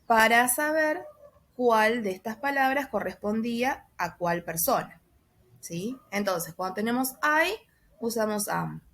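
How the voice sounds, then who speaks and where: A woman teacher explaining a grammar exercise step by step, patiently, with frequent soft checks for understanding and slowly spelled-out examples. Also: fairly high pitch, animated. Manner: spells out letters and stretches example sentences. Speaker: English teacher. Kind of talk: recorded class explanation.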